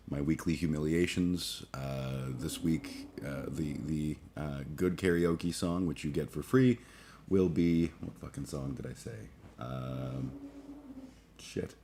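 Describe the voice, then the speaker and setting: Groggy from a late night, a livestream host in his forties rambles through a casual chat, stumbling with fillers and restarts and swearing freely. His voice rumbles low with a darkish tone, over a little hiss or hum.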